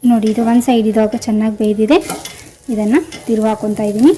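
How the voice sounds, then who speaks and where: A woman hosting a cooking channel, calmly talking viewers through a recipe step by step. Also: fairly high pitch, quick pace, a little hiss or hum, low-quality recording. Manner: calm step-by-step instructing, addresses viewers directly. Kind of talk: cooking demonstration voice-over.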